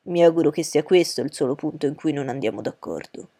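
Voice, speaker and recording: A woman voicing a dry, wry middle-aged father who speaks in a calm, measured way. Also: deep voice, slightly rough, pitched below the performer's own voice, exaggerated voice. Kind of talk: audiobook character voice.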